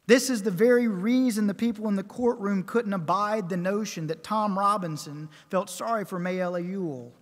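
A man preaching a sermon at a pulpit microphone, measured and emphatic, building his points with repeated phrases. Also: high-pitched. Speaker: pastor. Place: church sanctuary. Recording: long church reverb.

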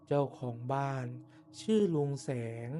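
A man tells a scripted horror tale at a slow, deliberate pace. His voice is soft and dark, set in short phrases with pauses between them. Some ambient noise sits behind the narration. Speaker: ghost story narrator. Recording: noticeable background noise and ambience.

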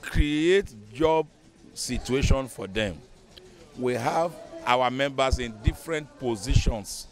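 A Nigerian man in his fifties, a bishop, speaking earnestly and measuredly in an outdoor news interview into a handheld microphone. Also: mid-range voice. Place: outdoors beside a building.

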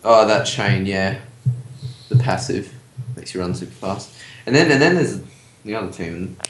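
A man's voice: fairly low pitch, lively intonation, normal speed. A teenage boy with an Australian accent, casting a school esports match, rambling and searching for words. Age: teens. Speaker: student shoutcaster. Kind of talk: casual esports commentary. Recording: echoey room, faint noise, clicks.

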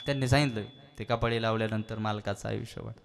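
A man's voice: fairly low pitch, fairly even intonation, quick pace, vocal fry, voice pushed down. A man voicing Hanuman, earnest and devoted. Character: devoted monkey god, humble and earnest.

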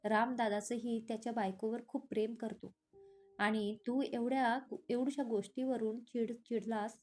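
A woman reading as a lively young wife. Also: fairly high pitch, moderate pace, soft background music, natural voice. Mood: pleading. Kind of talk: storybook reading.

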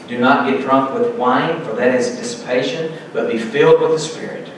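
A man's voice: mid-range voice, normal speed, slight background noise. A middle-aged man preaching a sermon at a pulpit, earnestly reading scripture aloud with emphasis. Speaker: pastor. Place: church sanctuary, indoors, at a pulpit. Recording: echoey church from far off.

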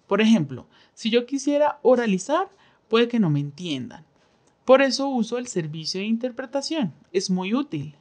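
A woman interpreting a signed interview aloud in the first person, with a measured, steady delivery and pauses. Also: a little high. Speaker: sign language voice interpreter.

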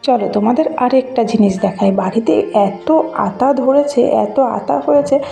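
Chatty woman vlogging outdoors, mellow voice. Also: fairly high pitch, unhurried, vocal fry, faint music behind. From Bengal. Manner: chatty, gently enthusiastic, talks to viewers while showing things. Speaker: village vlogger. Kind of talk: casual walking vlog narration. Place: outdoors in a rural garden and fields. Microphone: handheld phone camera.

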